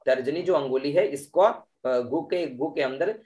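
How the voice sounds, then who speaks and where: A man teaching Vedic mantra recitation in an online class, explaining each syllable and then chanting the verse in long, drawn-out tones, often checking in with his students. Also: fairly high pitch, darkish tone. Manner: tags sentences with "है ना" and "ठीक है".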